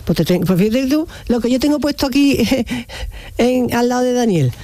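A woman's voice: fairly high pitch, expressive, moderate pace, mellow, dry recording. A woman hosting a morning call-in radio show, chatty and encouraging with her callers. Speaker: radio host.

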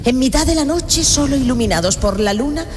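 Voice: high-pitched, expressive, brisk, in a large hall, slight background noise. A game master narrating a comic horror role-playing story.

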